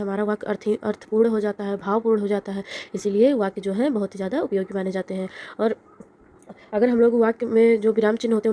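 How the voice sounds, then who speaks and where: A young woman teaching an exam-prep lesson, explaining step by step and often pausing to check with a quick "okay". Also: mid-range voice, warm tone.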